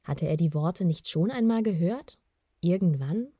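Woman narrator, lowish voice, calm even storybook read, dry booth sound. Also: normal speed, no echo. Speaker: audiobook narrator.

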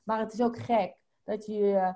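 A woman guest on a podcast, talking in an animated, coaching way and dropping English phrases into her speech. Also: mid-range voice, moderate pace. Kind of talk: casual podcast chat.

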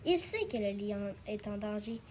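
A woman narrating a fable aloud in a clear, steady storytelling voice. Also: mid-range voice, moderate pace, a little hiss or hum.

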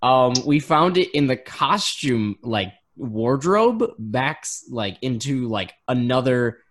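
A man's voice: medium pitch, big pitch swings, slow, a bit bright. A man talking as a podcast guest in casual chat, filling his sentences with "like". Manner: casual, says "like" a lot.

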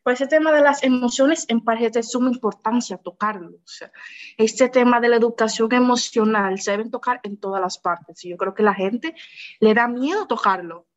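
A woman's voice: a little high, normal speed, muffled recording. A woman, chatting frankly as a podcast co-host and acting out quoted voices. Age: 20s. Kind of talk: casual podcast chat.

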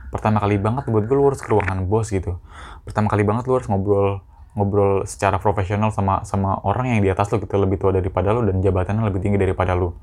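A man's voice: lowish voice, darkish tone. A young man hosting a casual solo podcast, rambling with lots of restarts and slang. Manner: rambling, many restarts, slangy Jakarta-style informal talk. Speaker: podcast host.

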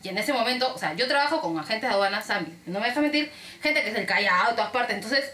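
Animated Peruvian woman telling stories, echoey room. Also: on the high side, fast. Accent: Peruvian Spanish. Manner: animated storytelling, acting out callers. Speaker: podcast co-host. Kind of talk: casual chat.

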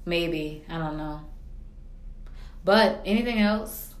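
A woman with a low voice hosts a casual chat. She rambles colloquially and drops quips, and her voice rings with noticeable room echo. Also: takes it slowly. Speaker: podcast host. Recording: roomy echo.

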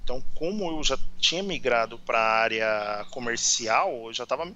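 A man's voice: mid-range voice, animated, moderate pace, pushed and bright, highs cut off, a little hiss or hum. A Brazilian man in his forties with a São Paulo accent, chatting casually as an interview guest and telling stories. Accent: São Paulo Portuguese. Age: 40s. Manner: chatty storyteller.

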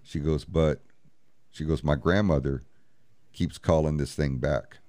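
Speaking a little slowly in a steady, warm bass voice, a paranormal investigator recounts a story during an interview. He replays each exchange bluntly and profanely with "he goes" and "I said," and the recording is dry.

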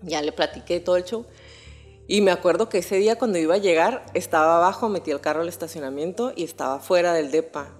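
A young woman with a Mexican accent telling a personal story on a podcast in a casual, animated way, full of slang and swearing. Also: on the low side, fast, faint music behind. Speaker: podcast host.

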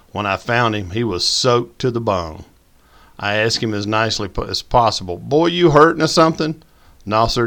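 A man's voice: lowish voice, a bit bright, close to an everyday voice. A man voicing an older male storyteller, drawling and mocking. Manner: drawling yarn-spinner, mocking. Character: older Southern man, teasing hunting storyteller.

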